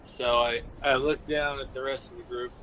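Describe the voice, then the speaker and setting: A man's voice: medium pitch, flat delivery, normal speed, sharp tone, slight background noise, low-quality recording. A man playing a tabletop game, describing his actions and asking short questions. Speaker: player. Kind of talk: casual tabletop game play.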